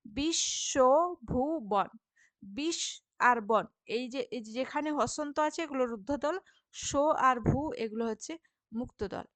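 Woman teacher, high voice, patient classroom explaining, dry close sound. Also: fairly bright tone, no room sound. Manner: patient, checks understanding with frequent "okay?"; sounds out syllables slowly, repeating words. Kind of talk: classroom lesson explaining textbook answers.

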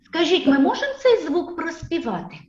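A woman kindergarten teacher giving a phonics lesson, drawing out sounds slowly and coaxing children with questions, recorded in a classroom. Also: extremely high pitch, big pitch swings, darkish tone, slight background noise. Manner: slow, drawn-out sound drills with children repeating; sing-song, coaxing questions. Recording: echoey room, dull lo-fi sound.

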